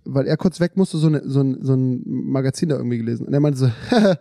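A man in a casual podcast chat who tells stories in an animated way and rushes through phrases. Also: medium pitch, vocal fry, no echo, clean studio sound. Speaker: podcast co-host.

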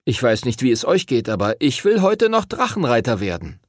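A man's voice: mid-range voice, wildly swooping pitch, a little fast, no room sound, studio quality. A man reading an audiobook and voicing an eager teenage boy who urges the others on.

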